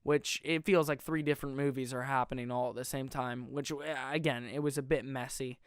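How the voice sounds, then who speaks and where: A young man hosting a podcast, reviewing a film in a casual, rambling, excitable way and often correcting himself mid-sentence. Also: medium pitch, brisk, clear, resonant tone, no room sound, studio quality. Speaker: podcast host.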